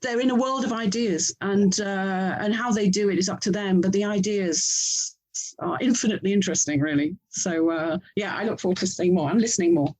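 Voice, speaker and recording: Poor audio captures an English woman with a mid-range, darkish voice speaking fairly quickly. She's an author and audio drama producer, interviewed as a guest and chatting effusively and enthusiastically.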